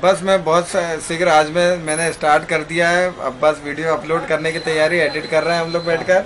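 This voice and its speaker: A man in his forties, a guest in a casual chat, talking at an even, steady pace inside a pharmacy shop. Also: a little high, a little fast, crowd noise. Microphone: camera held by the host beside him.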